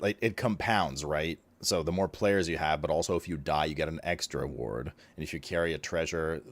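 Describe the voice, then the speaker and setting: A man streaming, chatting casually about a game, swearing freely and laughing often. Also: rumbling low.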